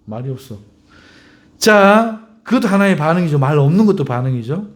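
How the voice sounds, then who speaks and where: A man's voice: on the high side, animated, normal speed. A male pastor giving a Sunday afternoon sermon in a conversational way, firing rhetorical questions at the congregation and chuckling at his own remarks.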